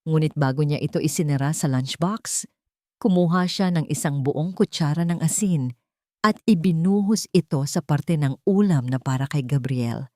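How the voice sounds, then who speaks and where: A woman with a Filipino accent narrates a scripted dramatic story in a low, darkish voice at a moderate pace. The studio sound is clean, with no room sound.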